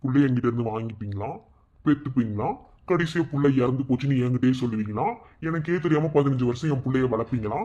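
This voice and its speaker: A man voicing a bitter, vengeful father in a cartoon, taunting and shouting at his wife. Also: medium pitch, fast, muffled recording, natural voice. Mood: furious. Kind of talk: fan cartoon voice acting.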